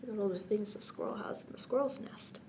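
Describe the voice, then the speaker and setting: A woman hosting a children's bedtime storytime reads a picture book quickly, at medium pitch, yet gently and expressively, slipping in casual asides and often dropping to a near-whisper. The background is noisy.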